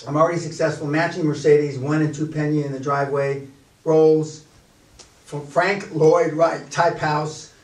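A man in his sixties leading a business coaching seminar, blunt and profane, telling animated stories to a room. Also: fairly high pitch, far from the mic. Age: 60s. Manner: blunt, swearing, animated storyteller. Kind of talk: profane motivational seminar talk. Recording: echoey room heard from afar.

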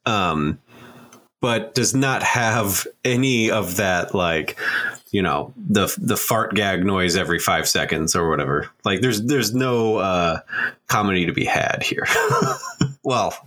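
Laid-back low-voiced podcast co-host man. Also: slow pace, a bit bright. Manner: dry, laid-back, lots of likes and you knows. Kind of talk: casual chat.

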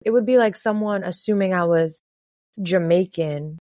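Chatty low-voiced woman from the Caribbean. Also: normal speed, warm tone, no echo, clean studio sound. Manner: chatty, laughs easily. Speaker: podcast co-host. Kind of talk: casual chat.

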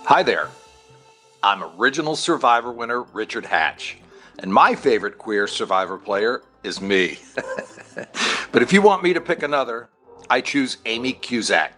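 A man with a bright, forceful voice leaves a cocky, joking voicemail. Faint music plays beneath. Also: mid-range voice, animated, normal speed. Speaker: caller leaving a voicemail.

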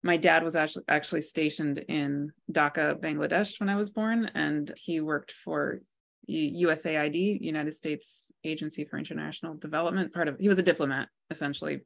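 Low-voiced woman in her forties. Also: fairly even intonation, fairly quick, creaky. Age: 40s. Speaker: guest, author and healer. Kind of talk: interview.

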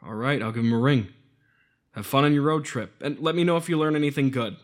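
A man's voice: mid-range voice, quick pace, lightly acted. A man playing a laid-back, skeptical investigator in naturalistic audio drama dialogue, casual and understated. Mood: easygoing.

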